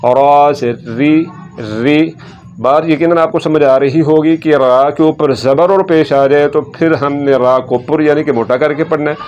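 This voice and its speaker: A man's voice: mid-range voice, darkish tone, dull audio. Patient man teaching letter sounds. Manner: patient, repeats sounds slowly and contrasts right and wrong. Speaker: Quran reading teacher. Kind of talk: slow step-by-step lesson.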